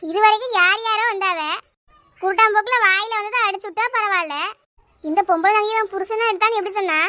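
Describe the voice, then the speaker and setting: A woman voicing a sharp-tongued sidekick in a cartoon, scolding and exasperated, with a Kanyakumari Tamil accent. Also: very high-pitched, fast talker, dry recording.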